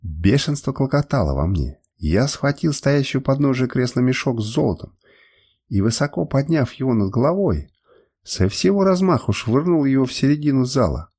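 A man's voice: mid-range voice, dark tone, husky. A man narrating a dramatic first-person audiobook with strong emotion.

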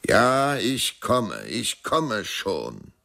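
A man voicing an aging Andean scissors dancer, fervent and dying, with a gravelly voice and intense, ecstatic calls. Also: low voice, wildly swooping pitch, extremely slow, fairly bright tone, full character voice.

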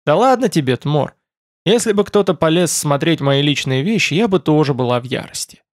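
Quick-witted young woman, male reader, bright lifted voice, dry audiobook sound. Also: fairly high pitch, expressive, no echo, close to an everyday voice. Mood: soothing. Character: young woman, bold and clever mage girl.

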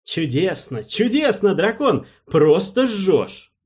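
A man reading an audiobook voices an eager, joyful young human king who talks in an enthusiastic, cheering way, with a husky voice. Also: fairly high pitch, animated, slow pace, a little mellow, exaggerated voice. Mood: delighted. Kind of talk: audiobook character voice.

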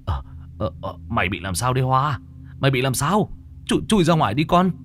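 A panicked middle-aged father in a spoken ghost story stammers in a frantic rush, as the narrator plays him. His pitch jumps about a lot. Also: very animated, a little fast, fairly bright tone, soft background music.

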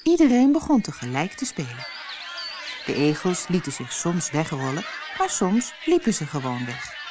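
A woman's voice: low voice, moderate pace, over music. A woman reading a fairy tale aloud as an audiobook, telling it expressively. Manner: expressive storytelling. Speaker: audiobook reader.

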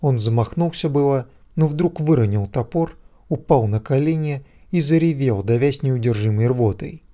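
A man narrating a story in a calm, measured audiobook reading. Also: mid-range voice.

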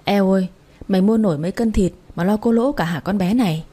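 A woman's voice: mid-range voice, fast, mellow, breathy edge, close to an everyday voice. A woman voicing a bossy but kind middle-aged woman butcher in an audiobook story, blunt and affectionate. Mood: teasing.

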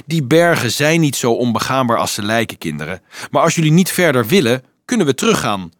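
A man voicing a calm young man who soothes and reasons with a crowd of children in a storybook reading. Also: mid-range voice, fairly quick, no room sound, clean studio sound, close to an everyday voice.

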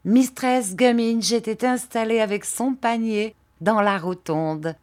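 A woman narrating a classic novel as an audiobook reader, in a calm and measured reading. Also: on the high side.

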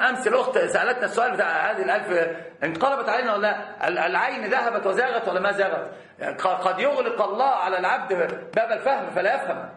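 A man teaching an Islamic creed lesson, talking rapidly and often restarting words with stammered repeats. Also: high-pitched, bright, forceful tone, echoey room. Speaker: religious teacher.

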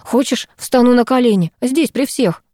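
A woman's voice: fairly high pitch, moderate pace, dark tone, no echo, clean studio sound, voice pushed up, close to an everyday voice. A woman reading the lines of a young male footballer who coaxes and pleads with his ex-fiancée, in a story read aloud. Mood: pleading. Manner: coaxing, pleading.

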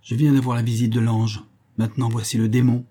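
A man voicing a resigned, self-loathing man in an audiobook, in a flat, defeated tone. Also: mid-range voice, a little fast, close to an everyday voice. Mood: bitter.

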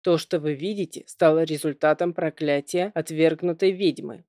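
A woman's voice: low voice, steady tone, normal speed, mellow, dry recording, clean studio sound, close to an everyday voice. A woman reading an audiobook, voicing a weary middle-aged king who talks patiently.

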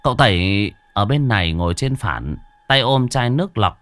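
Brief: male storyteller, ghost story narration, animated pitch, dry close sound, faint music behind. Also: moderate pace, no echo. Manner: lively, dramatic storytelling.

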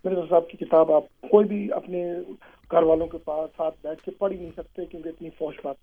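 A man's voice: on the high side, fairly even intonation. A man calling in to a radio show, heard over a phone line, arguing his points one by one in an accusing way. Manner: accusing, argumentative, talks in numbered points. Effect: caller heard over a phone line. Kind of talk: call-in radio debate.

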